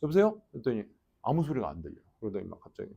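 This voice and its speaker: A man's voice: animated, racing, gravelly, warm tone, husky, dull audio. A man teaching English at a cram school, casually telling his students a story and acting out the voices in it. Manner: chatty, acts out quoted voices, trails into low mutters.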